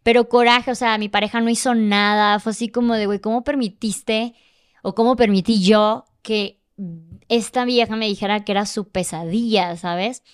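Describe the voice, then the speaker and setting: A woman's voice: on the high side, steady tone, moderate pace, clean tone. A woman telling a personal story in casual podcast conversation, emotional and vivid, acting out the dialogue. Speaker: podcast guest.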